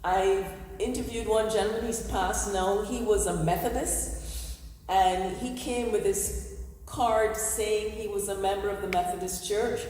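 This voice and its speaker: A woman's voice: medium pitch, fairly even intonation, a little slow, darkish tone. A woman hosting a community talk in a church, speaking earnestly to an audience through a handheld microphone. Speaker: event host and historian. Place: large echoey church hall. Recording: echoey hall, room noise.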